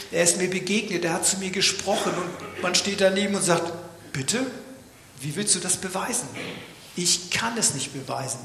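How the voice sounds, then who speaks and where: A man delivers a sermon in a bright, high voice with some vocal fry, preaching dramatically and now and then dropping to a whisper for emphasis. Long reverb from the church hall surrounds him, along with a faint hiss or hum.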